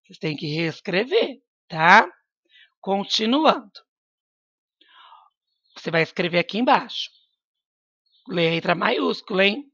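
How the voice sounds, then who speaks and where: Woman, schoolteacher, slow careful dictation, mid pitch, dry dull recording. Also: big pitch swings, fairly bright tone, breathy edge, dry recording. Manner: slow, deliberate dictation with frequent "tá?" checks. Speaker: primary school teacher. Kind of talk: recorded online class, dictating.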